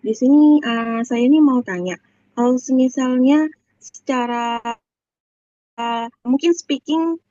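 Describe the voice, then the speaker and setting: A woman's voice: high voice, takes it slowly, pauses often, dark tone, no echo. Hesitant young woman on a dull call. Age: young adult. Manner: hesitant, many fillers. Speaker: student participant. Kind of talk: casual question. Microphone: video call.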